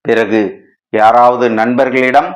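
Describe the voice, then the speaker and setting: A man voicing a calm male friend in a storybook reading, asking steady questions and urging the other to speak plainly, on a dull lo-fi recording. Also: mid-range voice, slow pace, lightly acted. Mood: soothing. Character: calm male friend, patient but pressing.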